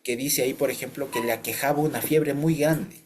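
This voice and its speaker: A man with an Ecuadorian Spanish accent leads an informal Bible study in a mid-range voice. He talks conversationally, tosses in quick tag questions to check understanding, and chuckles now and then as he explains. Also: mid-range voice, fairly even intonation, a little mellow, a little hiss or hum. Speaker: Bible teacher.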